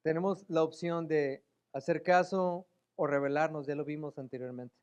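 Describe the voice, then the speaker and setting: Emotional male preacher, high voice, muffled lo-fi sound. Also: fairly even intonation, normal speed, smooth. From Mexico. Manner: emotional, acts out pleading voices, rises to loud emphatic peaks. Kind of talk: sermon. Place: church sanctuary.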